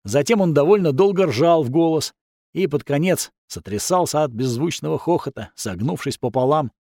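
A man's voice: on the high side, expressive, normal speed, darkish tone, no echo, clean studio sound. A man narrating a first-person fantasy audiobook in a wry, sardonic manner.

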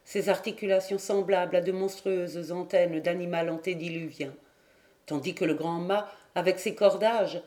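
A woman narrating a literary audiobook in a measured, even storytelling manner. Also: on the low side. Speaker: audiobook reader.

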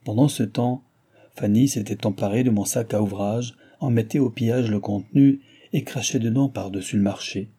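A man reading a classic novel aloud as an audiobook narrator, in a measured, steady, literary way. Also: fairly low pitch, breathy edge.

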